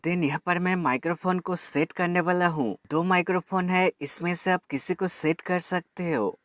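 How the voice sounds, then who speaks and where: High and a bit bright, this man's voice is captured in clean studio sound without echo. He's presenting a tech product demonstration, instructing step by step and talking to viewers as friends in a how-to voice-over.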